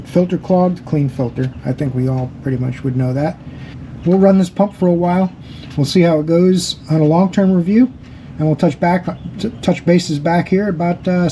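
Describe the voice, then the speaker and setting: A man's voice: fairly high pitch, warm tone, a little hiss or hum. A man casually talking through a pool pump review outdoors by a backyard pool, in an easygoing, chatty way.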